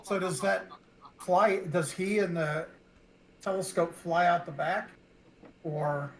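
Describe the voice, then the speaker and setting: A man playing a tabletop game, asking quick questions about the scene. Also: sits high, steady tone, a bit bright, slight background noise, poor audio. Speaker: player. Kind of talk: casual tabletop game chat.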